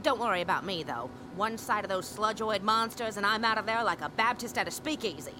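A woman's voice: medium pitch, animated, fairly quick, noisy background, natural voice. A woman playing a brash, wisecracking star reporter and pilot with snappy old-time slang in a radio drama. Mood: brisk, wry. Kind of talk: retro sci-fi radio drama acting.

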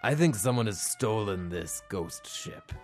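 Man acting as old seafaring detective, gruff, world-weary, melodramatic noir monologue, comic radio play, background music. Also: fairly low pitch, big pitch swings, unhurried. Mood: self-important. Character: world-weary old male seafaring private detective, brooding, self-dramatizing. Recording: music playing under the voice.

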